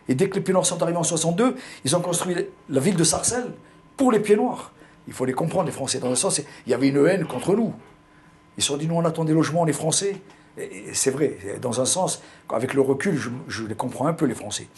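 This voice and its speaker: An older Algerian man with a pied-noir French accent recounts personal memories in an interview, hesitating and repeating words. His voice sits on the high side and is a little mellow, with slight background noise.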